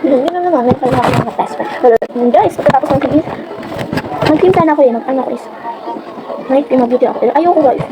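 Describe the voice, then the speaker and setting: A Filipino woman with a high voice chats quickly and rambles through a get-ready-with-me vlog. Clear background noise fills the room behind her. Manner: chatty, rambling, many fillers. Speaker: vlogger. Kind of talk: casual get-ready-with-me chat.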